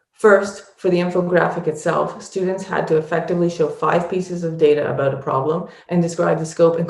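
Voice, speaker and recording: A woman's voice: low voice, a little mellow, roomy sound. A woman narrating a scripted presentation as one of its presenters.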